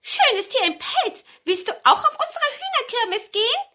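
A woman voicing a flock of naive hens in a fairy tale, shrill and chattering excitedly. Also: moderate pace, exaggerated voice.

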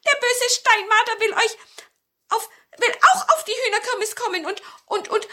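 A woman voicing a tiny, eager male dwarf in a fairy tale, squeaky and stammering in a hurry. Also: normal speed, sharp tone. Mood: urgent.

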